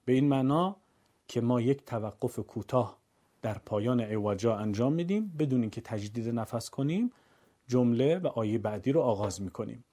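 A man teaching a Quran recitation lesson, calmly explaining the rules and then chanting the verses slowly and melodically. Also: mid-range voice. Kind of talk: tajweed lesson.

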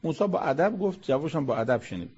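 A man's voice: fairly high pitch, big pitch swings, a little mellow, slightly rough, lo-fi sound. A man lecturing on Quran verses in a conversational sermon style, asking rhetorical questions and reciting Arabic verses before explaining them.

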